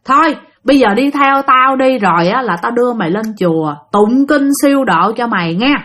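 A woman voicing a stern older male exorcist master who scolds loudly, with a Southern Vietnamese accent. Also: fairly high pitch, expressive, normal speed. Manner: scolding, insistent, raised voice.

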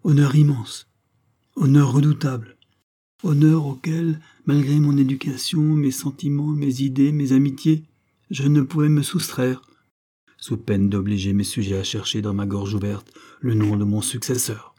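A man's voice: lowish voice, level tone, normal speed, hardly any pauses, dark tone, slightly rough. A man voicing a grave, formal male secret-society master in an audiobook, speaking in a solemn, ceremonious way. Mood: fervent.

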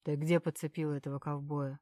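A woman voicing a cold, calm male interrogator. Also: low voice, brisk, no echo, pitched below the performer's own voice, lightly acted. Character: calm, menacing male security man interrogating.

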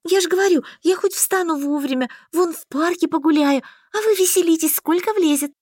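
A woman reading an audiobook voices an excitable, timid young heroine who pleads in an emotional way. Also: very high voice, fairly quick, no echo, clean studio sound, voice pushed up. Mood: excited. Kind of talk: audiobook character voice.

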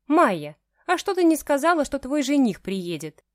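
A woman's voice: sits high, sing-song, normal speed, a little mellow, no room sound, studio quality, voice pushed up. A woman playing a fussy caring mother. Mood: fussing.

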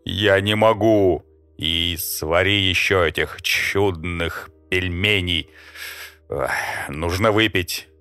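A man's voice: low-pitched, slow pace, sharp tone, smooth, no room sound, soft background music, full character voice. A man voicing a brash, rude male wanderer who is a trader from another world. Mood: pushy. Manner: rude, pushy, mocking.

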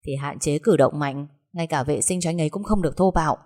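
A woman's voice: sits low, darkish tone. A woman voicing a matter-of-fact hospital doctor giving instructions. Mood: businesslike. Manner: brisk, instructive.

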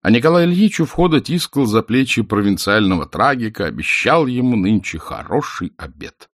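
A man narrating an audiobook with expressive storytelling. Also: mid-range voice, moderate pace, dry recording, studio quality.

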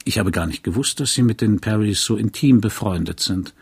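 Guy doing a lonely bookish lawyer, dry and polite, husky low voice. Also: a little fast. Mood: wry. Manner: dry, wry and courteous. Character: lonely, wry small-town lawyer, bookish.

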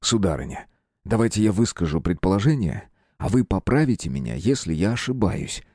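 A man's voice: low-pitched, big pitch swings, brisk, dark tone, dry recording. A man voicing a composed detective who speaks in a dry, stern, restrained way. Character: stern composed male detective, young nobleman.

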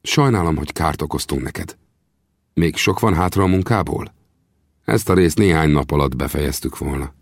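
A man's voice: rumbling low, vocal fry, slightly rough, dry recording, studio quality, full character voice. A man voicing a proud, earnest young male Apache chief in an audiobook, speaking solemnly and with reproach. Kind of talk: audiobook character voice.

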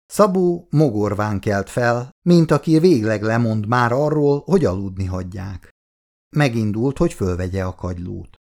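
A man's voice: lowish voice, animated, a little mellow. A man reading a novel aloud as narrator. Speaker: audiobook reader. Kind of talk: storybook narration.

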